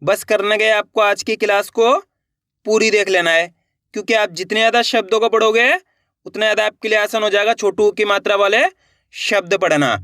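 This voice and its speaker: A woman's voice: medium pitch, steady tone, a little fast, fairly bright tone, dry recording, clean studio sound. A woman teaching children's reading, sounding out syllables one at a time and blending them into words, often asking the viewers questions. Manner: addresses viewers as friends, asks questions.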